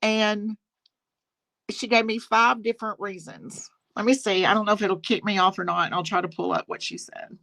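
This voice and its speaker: Her mid-range voice is creaky and slightly bright, with fairly even intonation and a moderate pace. She's a woman from the Southern United States chatting casually about drama on a live stream, emphatic and fond of repeating phrases. The audio comes through a phone on speakerphone.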